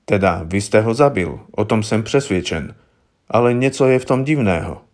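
A man reading aloud, voicing a shrewd older police inspector who speaks calmly with dry irony. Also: on the low side. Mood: probing.

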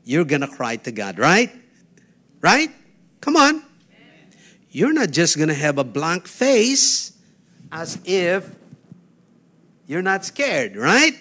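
Preacher guy, high bright voice, keeps asking the crowd "right?". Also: big pitch swings, slow pace. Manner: preaching with emphatic call-and-response. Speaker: pastor. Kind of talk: sermon.

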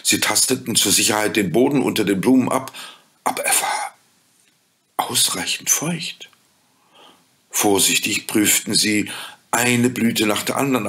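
Ein Mann liest ein Märchen vor, ruhig und gemessen erzählend. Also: male voice, fairly low pitch, gravelly. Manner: calm, measured storytelling. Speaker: narrator. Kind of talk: fairy-tale audiobook reading.

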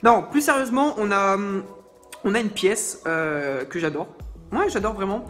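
A man's voice: high voice, expressive, normal speed, fairly bright tone. Man, vape reviewer, joking unboxing vlog, self-mocking asides, faint music underneath.

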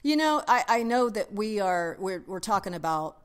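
A woman's voice: medium pitch, very animated, moderate pace, clean tone. A female photographer co-hosting a podcast, chatting casually and telling a story.

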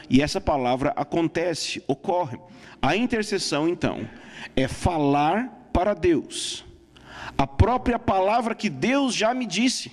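High-voiced man preaching in a hall. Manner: emphatic, scripture-citing, checks in with the audience. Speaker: preacher teaching on prayer. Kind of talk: sermon teaching. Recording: long hall reverb.

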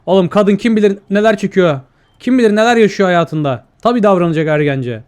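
A man's voice: high-pitched, a little fast, clear, resonant tone. A young man narrating his gameplay in casual let's-play commentary, talking to himself and to the viewers and reading out in-game lines. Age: young adult. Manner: chatty, talks to himself and the viewers while playing; reads out in-game dialogue. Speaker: gaming YouTuber.

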